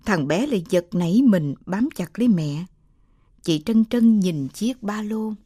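A woman calmly reading a late-night radio story in a measured, lyrical way. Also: medium pitch, husky, dry recording, clean studio sound.

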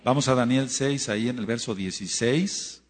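A man's voice: mid-range voice, normal speed, big-room sound. Emphatic man preaching in repeated refrains. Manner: emphatic, repeats phrases, rising to loud exclamations. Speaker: teacher of a prayer course. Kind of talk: sermon-style Bible teaching.

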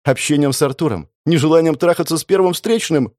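A man's voice: fairly high pitch, quick pace, a little mellow, no echo, clean studio sound, pitched above the performer's own voice, natural voice. A man voicing a humiliated young office worker, a woman near tears who talks in a trembling, choked way. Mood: tearful. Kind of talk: audiobook character voice.

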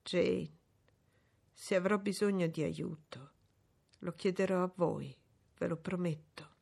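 A woman voicing a brooding, troubled middle-aged gentleman in an audiobook, speaking low and grave. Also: takes it slowly, vocal fry, husky, exaggerated voice. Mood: grave, shaken. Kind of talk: audiobook reading.

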